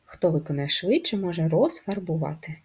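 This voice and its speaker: Woman teacher, dark slightly husky voice. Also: lowish voice, expressive. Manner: slow, clear syllable-by-syllable explanations. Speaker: primary school teacher. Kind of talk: first-grade handwriting lesson.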